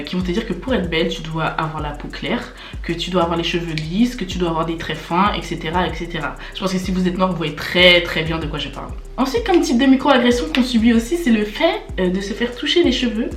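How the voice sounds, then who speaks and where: A young woman vlogger talking to camera in a casual, slangy way. She is indignant and emphatic, and she fires off rhetorical questions. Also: fairly low pitch. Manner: slangy, filler-heavy talk. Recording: roomy echo, faint music.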